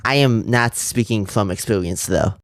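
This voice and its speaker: A man's voice: on the low side, moderate pace. A man delivering a scripted review as a scathing critique, with mocking exaggeration. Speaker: cartoon reviewer.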